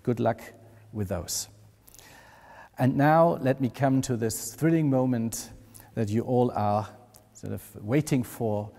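A middle-aged man with a German accent presenting awards in a formal speech, measured and proud, at a desk in a wood-panelled room. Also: mid-range voice, mellow. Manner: measured, proud ceremonial delivery. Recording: long hall reverb.

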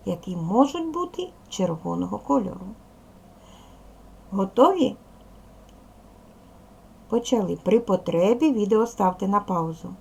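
Husky, patient woman teaching children. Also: medium pitch, warm tone. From Ukraine. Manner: slow, clear, patient explaining. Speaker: primary school teacher. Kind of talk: video lesson for young children.

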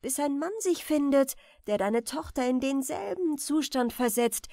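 A woman giving voice to a noble storybook rat with a fairy's pride, speaking in a raised, solemn voice. Her words are slow and weighty, somewhat loud, with a lifting, lively pitch. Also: no echo, clean studio sound. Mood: vengeful. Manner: solemn, proud and measured. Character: proud, dignified female rat who is a fairy.

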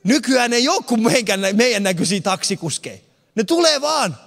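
A man from abroad who moved to Finland in 1991 performs stand-up comedy, telling a story and acting out the other characters' lines. His very high-pitched voice is very animated with a fairly bright tone. He is in a large, empty concert hall, and the recording carries a long hall reverb.

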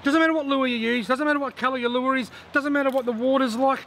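A man in his thirties with an Australian accent, chatting casually to camera on a riverbank about his fishing gear in a relaxed, plain-spoken way. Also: very high-pitched, fast, slight background noise. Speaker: fishing vlogger. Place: outdoors on a riverbank. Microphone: camera on a tripod at chest framing.

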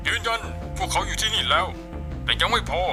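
A man's voice: high voice, lively intonation, a little fast, over music, pitched above the performer's own voice. A man voicing a frontline soldier who reports back over military radio chatter, closing each report with "over". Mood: urgent. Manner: tense, clipped radio reports ending with "over". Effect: military radio chatter, distant.

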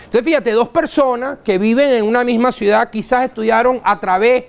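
A man's voice: extremely high pitch, brisk, gravelly, clean tone. A man with a Venezuelan accent giving a live dental lecture, blunt and slangy, quizzing the audience. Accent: Venezuelan Spanish. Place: university lecture hall.

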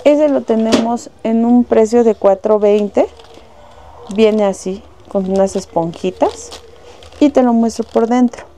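Speaking at a measured pace, this shop saleswoman has a slightly high but dark-toned voice, with a bit of hiss or hum on the recording. She's a Mexican woman giving an informal indoor showcase of products, rattling off wholesale prices full of little diminutives.

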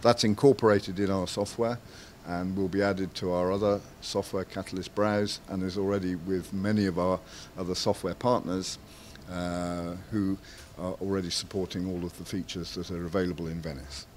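A man with a very low voice walks through technical details at an unhurried pace. He talks in short phrases broken by frequent hesitant pauses. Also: level tone, slight background noise. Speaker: camera maker's representative. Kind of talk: technical product interview.

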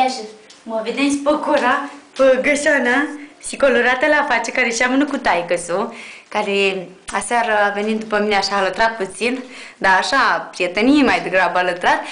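A woman's voice: fairly high pitch, expressive, fairly bright tone. Woman cooing at puppies, Romanian accent. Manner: cooing baby talk to puppies. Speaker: puppy owner. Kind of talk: casual home video chat. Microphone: camera held by someone else. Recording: echoey room, camera off at a distance, faint noise.

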